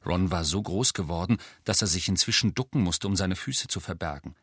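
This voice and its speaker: A man reading a novel aloud as an audiobook narrator, with expressive, measured storytelling. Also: low-pitched, slightly rough, no room sound, clean studio sound.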